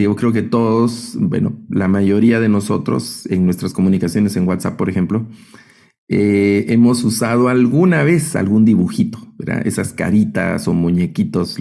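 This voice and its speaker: A professor with a Guatemalan accent teaches an online Bible class, explaining didactically and often checking in with short tag questions. His lowish voice is creaky and dark in tone.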